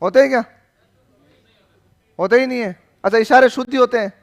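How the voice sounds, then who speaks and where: High-voiced teacher lecturing a class. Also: male voice, brisk, gravelly. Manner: joking, questioning; repeats questions to the class.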